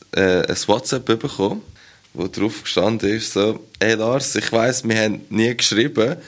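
A man's voice: fairly low pitch, vocal fry, a bit bright. Swiss german guy cohosting a podcast, chatty, laughs a lot, imitates people mid-story. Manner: mocking, acts out quoted voices, laughs often. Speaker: podcast co-host. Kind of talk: casual chat.

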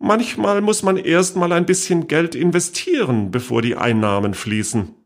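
A man's voice: fairly high pitch, normal speed, voice pushed up, close to an everyday voice. A man playing a chirpy scheming old great-aunt. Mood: cheerful innocent. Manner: sweetly innocent, chirpy and carefree.

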